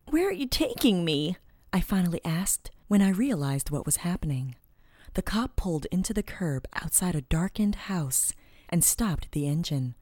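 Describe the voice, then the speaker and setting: A woman reads a first-person story aloud with dramatic expression, her fairly low voice swinging widely in pitch. She often sinks into a hushed whisper mid-sentence. The recording is close and dry. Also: animated, moderate pace, no room sound.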